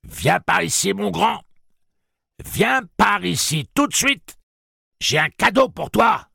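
A man with a gravelly voice voicing a fierce, defiant young woman in an audiobook, pushing his voice high and shouting her lines. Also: animated, slow pace, no echo, full character voice. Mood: taunting.

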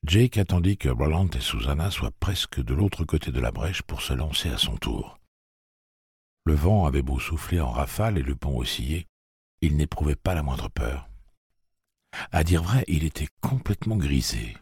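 A man reading a novel aloud as an audiobook narrator, with a gravelly, husky voice and a steady, measured delivery. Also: rumbling low, no echo, studio quality. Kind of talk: scripted narration.

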